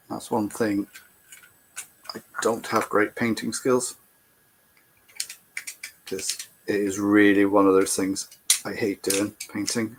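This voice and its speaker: A man's voice: fairly low pitch, background noise. A tired Irish man hosting a livestream, chatting casually and thinking aloud as he builds a model kit in his bedroom. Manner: relaxed, chatty, thinking aloud while working. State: tired, yawning. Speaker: livestream host.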